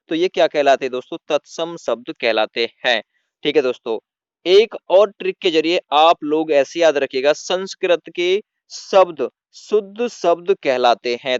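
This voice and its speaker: A man's voice: high-pitched, smooth, no room sound, dull audio. A man teaching Hindi grammar in a lesson, who keeps asking his listeners questions and answering them himself. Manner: repeats "theek hai dosto" and asks the class questions. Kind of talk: classroom-style lesson.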